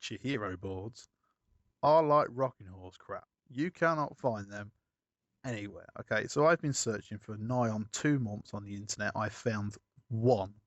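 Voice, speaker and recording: A man's voice: lowish voice, unhurried, no echo, highs cut off. A man chatting casually as a podcast co-host, rambling through a story and correcting himself as he goes. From United Kingdom.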